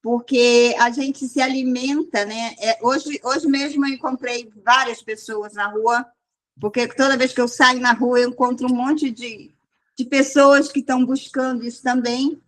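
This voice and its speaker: A woman's voice: a little high, fairly even intonation, unhurried. A woman sharing a casual, rambling testimony with a church group, restarting often. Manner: rambling, restarts often, quotes people in raised voice. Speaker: group leader.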